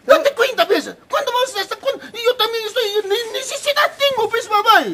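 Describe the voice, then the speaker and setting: A woman's voice: very high-pitched, a little fast, sharp tone. A woman playing a whiny cheeky nephew. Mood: nagging. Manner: whining, nagging, half-laughing.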